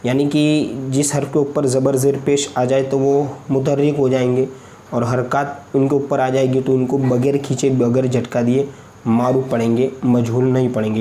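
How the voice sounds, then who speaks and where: Patient man drilling letters slowly. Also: medium pitch, level tone, warm tone, a little hiss or hum. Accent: Indian Hindustani. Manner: patient, slow syllable-by-syllable drilling; frequent checking asides. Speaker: Quran reading teacher. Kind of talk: step-by-step recorded lesson.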